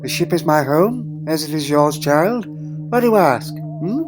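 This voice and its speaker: A man's voice: a little high, animated, measured pace. A man playing a crotchety, secretive old alien grandfather in a fan audio drama, with hesitant muttering, hums and pompous phrasing. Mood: grave. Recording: music laid under the voice.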